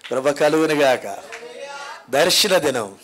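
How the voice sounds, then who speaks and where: Man, pastor, high voice, dramatic sermon, hushed asides and rising repeated cries, church hall. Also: lively intonation, slow. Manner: repeats phrases in climbing builds. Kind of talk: Sunday sermon.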